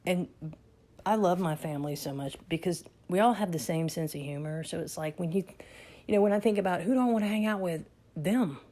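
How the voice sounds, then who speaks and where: A woman's voice: on the low side, a little fast, warm tone. A middle-aged woman telling family stories in a chatty, salty way, laughing as she goes. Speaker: vlogger telling her life story. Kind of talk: casual storytelling.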